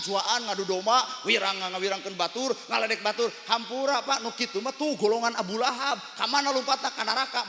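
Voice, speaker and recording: Male Sundanese-accented preacher, bright tense tone, lively storytelling sermon, recorded with a long hall reverb. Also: high-pitched. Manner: animated storytelling, acting out dialogue, bursts of shouting. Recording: echoey hall from a distance.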